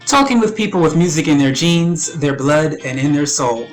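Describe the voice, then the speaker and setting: A woman's voice: low-pitched, animated, normal speed. A woman hosting a music interview show, reading a scripted introduction and asking questions in an announcer-like way. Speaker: host.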